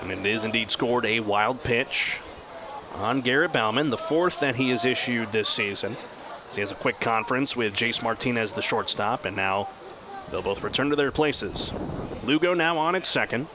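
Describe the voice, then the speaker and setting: On the radio, a man calls a baseball game play by play, shifting from measured description to excited calls. His voice sits in the mid range, with noise in the background.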